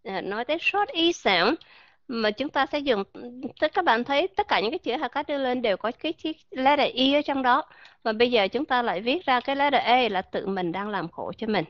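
A woman teaching English pronunciation in a live online class, encouraging and slowly repeating words as drills. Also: on the high side, expressive, no room sound, highs cut off. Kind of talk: live online voice-chat lesson.

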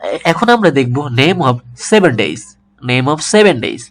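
A man's voice: fairly high pitch, very animated, slow pace. Man drilling English pronunciation. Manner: drills words by asking and repeating them. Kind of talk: pronunciation lesson.

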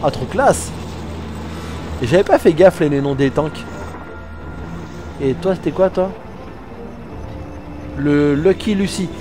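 Excitable gamer guy with music behind. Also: fairly high pitch, takes it slowly, long pauses. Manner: excitable, swears, talks to the game. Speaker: let's play gamer. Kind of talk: casual gameplay commentary. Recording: game music under voice.

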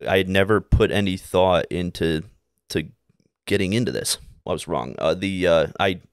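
A young American man in his 20s, an air traffic controller, guests on a podcast, seated in a small indoor room and telling anecdotes in a casual interview. His very low, smooth voice is halting and rambling, and he repeats himself. A close boom-arm podcast mic gives clean, studio-quality sound with no room noise.

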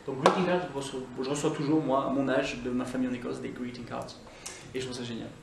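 A man hosting a video English lesson, upbeat, repeating English words slowly to model pronunciation, recorded by the camera from a few feet away indoors. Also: mid-range voice, level tone, vocal fry. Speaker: English teacher and channel host. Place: indoor room, moving in and out of camera frame. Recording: echoey room, voice from a distance, faint background noise.

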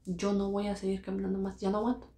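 A woman's voice: mid-range voice, completely flat delivery, fast talker, mellow. Earnest woman retelling her own story, roomy echo. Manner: earnest, repeats phrases, acts out quoted voices. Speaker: vlogger recounting her own experience. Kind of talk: emotional personal storytelling.

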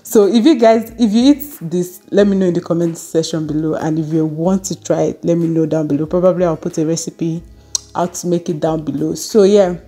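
A woman's voice: on the low side, fairly even intonation, fairly quick, warm tone. Woman chatting over a meal. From Nigeria. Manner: chatty, laughing, eating on camera. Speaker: vlogger. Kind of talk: casual storytelling while eating.

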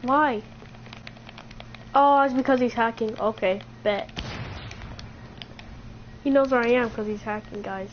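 A woman's voice: fairly high pitch, slight background noise. A woman hosting a gameplay video, teasing her friend in casual chat. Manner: teasing, playful, quick to laugh. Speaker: gaming video host. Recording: dull lo-fi game chat audio.

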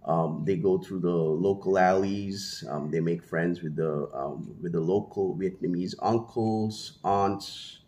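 His voice is low and a bit mellow, slow with few pauses, as this Indian vlogger in his thirties, a native Hindi speaker, talks casually to camera. He rambles with many fillers and restarts in a small room at home. A mini mic is held at his mouth while his other hand gestures.

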